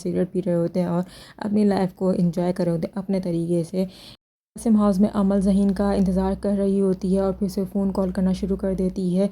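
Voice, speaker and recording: A woman recaps a TV drama's episodes scene by scene and adds critical remarks along the way. Her voice is very dark and mellow and sits fairly low. She keeps her delivery flat and even throughout. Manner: steady retelling of scenes with critical asides. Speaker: drama reviewer.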